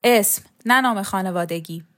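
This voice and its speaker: A woman's voice: mid-range voice, a bit bright, natural voice. A woman reader voicing a bossy, impatient male official who barks short commands in a storybook reading. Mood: curt. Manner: curt commands, barking.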